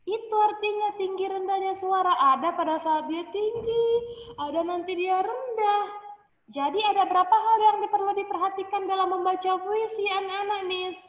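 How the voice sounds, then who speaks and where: High-voiced teacher on a muffled video call. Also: female voice, fairly even intonation, roomy sound, long reverb tail. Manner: slow, clear, over-articulated teacher talk with frequent English prompts. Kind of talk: online class instruction, mixing Indonesian and English. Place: home room on a video call. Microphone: laptop mic on a video call.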